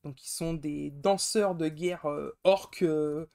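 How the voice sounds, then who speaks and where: A man's voice: fairly high pitch, fairly even intonation, slow, creaky, a little mellow. A man hosting a casual live-stream podcast, rambling enthusiastically with frequent fillers and self-corrections, grumbling now and then. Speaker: podcast host.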